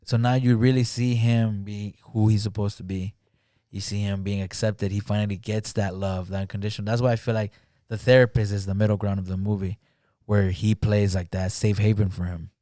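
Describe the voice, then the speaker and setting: A man talking casually as a podcast guest, retelling a film scene and often acting out the lines, with halting speech full of "like" fillers. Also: lowish voice, little pitch movement, warm tone, no echo, studio quality. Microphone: studio podcast mic.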